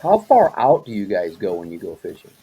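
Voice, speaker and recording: A man's voice: fairly low pitch, huge pitch swings, brisk, mellow, husky, rough recording. A man hosting a casual interview, rambling a little, often repeating words and restarting his questions. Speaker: host.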